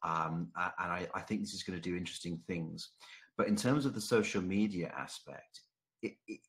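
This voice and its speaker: A low-voiced man hosts a live voice chat. He questions his guest hesitantly, with plenty of ums and repeated words. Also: moderate pace.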